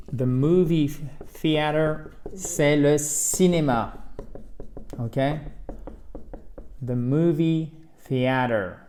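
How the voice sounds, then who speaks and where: A man's voice: medium pitch, darkish tone. A man teaching English pronunciation in a video lesson, explaining in French and repeating example words with the stress marked.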